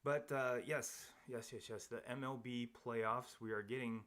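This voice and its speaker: A man with a medium-pitched, slightly bright voice talks a little slowly and fairly evenly. He's hosting a live sports podcast in a home studio facing his co-host, rambling casually with frequent fillers and restarts.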